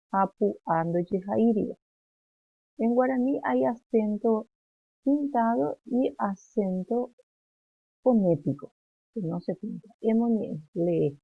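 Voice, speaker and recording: Slow, gravelly-voiced woman teacher on a tinny line. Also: medium pitch, no echo. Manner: slow, halting, with many fillers and restarts. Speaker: primary school teacher. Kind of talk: classroom lesson.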